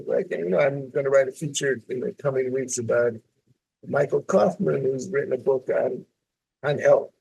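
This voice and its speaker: A man's voice: mid-range voice, creaky, warm tone, breathy edge, low-quality recording. An older man, a columnist talking reflectively in an interview with many restarts and fillers. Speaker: guest columnist. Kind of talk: casual interview talk.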